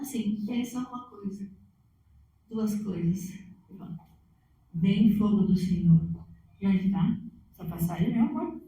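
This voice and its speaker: A woman's voice: fairly high pitch, darkish tone, heavy reverb, distant mic, a little hiss or hum, low-quality recording. A woman from Brazil preaching, asking rhetorical questions and telling personal stories in a conversational way. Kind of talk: sermon with personal anecdotes. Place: church sanctuary.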